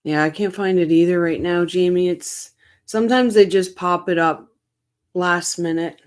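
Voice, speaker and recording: A woman's voice: fairly low pitch, fairly even intonation, normal speed. A woman hosting a casual livestream, greeting chat viewers by name with a tired morning voice. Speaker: livestream host.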